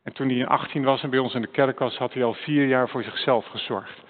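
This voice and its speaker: Earnest preacher, tinny echoey church recording. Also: male voice, medium pitch, steady tone, a little fast. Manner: earnest, direct address to listeners with rising questions. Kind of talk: sermon with personal story. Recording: echoey church hall, tinny phone-like sound.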